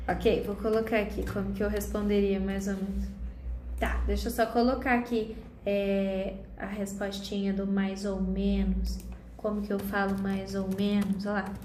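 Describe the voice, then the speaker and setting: A woman's voice: medium pitch, little pitch movement, normal speed, darkish tone. A woman with a Brazilian accent teaching an English grammar class online, patiently explaining each step and checking in with her students. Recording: echoey room with faint background noise.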